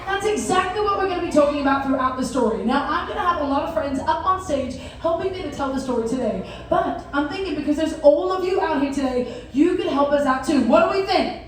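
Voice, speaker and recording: Female children's stage host, cruise director type. Very high voice, animated and interactive, picked up in a big reverberant hall. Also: fast, hardly any pauses. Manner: animated, addresses children in the audience with questions and prompts. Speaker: cruise director hosting a story time. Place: indoor theatre on a cruise ship. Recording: very echoey theatre, distant mic, faint noise.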